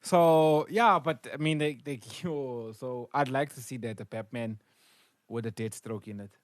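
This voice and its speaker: A man co-hosting a podcast in casual chat, excitable and quick to laugh, often restarting his sentences. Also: mid-range voice, no echo. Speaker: podcast co-host.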